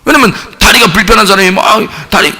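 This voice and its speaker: A male pastor preaching a sermon with emphatic delivery, rising to loud shouted peaks and dropping to soft asides. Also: sits high, brisk. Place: church sanctuary. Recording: church hall reverb.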